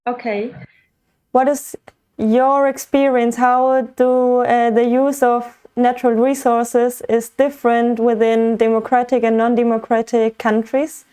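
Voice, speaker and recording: A woman interviewer asking prepared questions in measured, formal phrasing. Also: fairly high pitch, little pitch movement, dark tone, smooth.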